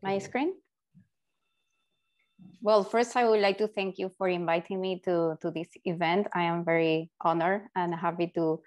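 Middle-aged Peruvian-accented woman panelist, lowish voice, earnest, restarts words; earphone mic on a video call. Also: a little mellow. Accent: Peruvian Spanish. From Peru. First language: Spanish. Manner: earnest, repeats words while finding them. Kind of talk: personal story on a panel. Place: home office.

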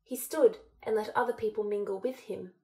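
A woman's voice: medium pitch, a little fast, dark tone. Woman reading a fan audiobook steadily. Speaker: audiobook narrator.

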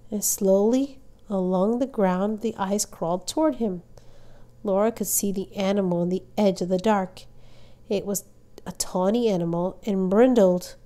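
A woman reading a children's novel aloud as a storyteller, with measured, expressive narration. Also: mid-range voice.

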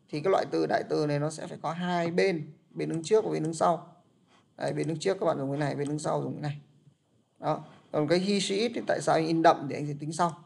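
Guy teaching english in class, raspy gravelly voice, goes over stuff again and again. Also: a little high, a little mellow. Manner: explains patiently, repeats points, calls on students.

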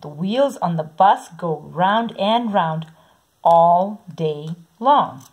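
A woman reading a children's picture book aloud in a slow, sing-song way, saying the repeated sounds softly. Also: lowish voice, expressive. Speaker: storybook reader.

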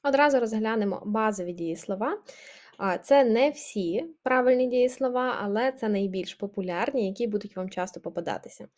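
A woman's voice: a little high, fairly quick, a little mellow. A woman teaching a language lesson, explaining grammar patiently and checking in with her listeners.

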